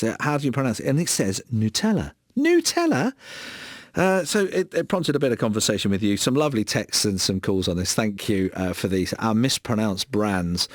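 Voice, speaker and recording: A man's voice: medium pitch, creaky, dry recording, clean studio sound. A man hosting a casual radio chat show, chatty and chuckling as he reads out listener texts. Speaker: radio presenter. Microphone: studio microphone.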